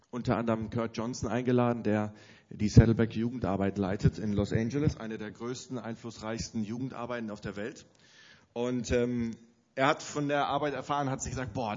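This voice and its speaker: A conference host for youth leaders, a man with a cold, speaks energetically to the audience in a large hall, giving instructions in a slightly strained voice. His mid-range voice is a little mellow, and the highs are cut off.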